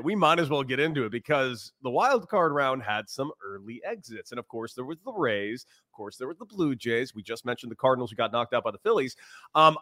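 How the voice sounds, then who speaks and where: A man's voice: mid-range voice, bright, forceful tone, no echo. A man hosting a sports podcast in casual chat, speaking in an emphatic, opinionated way.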